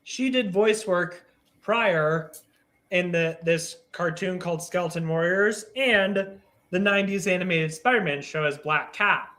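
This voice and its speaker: A man co-hosting a casual cartoon podcast, with a voice pitched a little high. He shares trivia in a chatty, loose way, filling his sentences with "like" and "you know". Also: measured pace, fairly bright tone. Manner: chatty, gives facts with many likes. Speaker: podcast co-host.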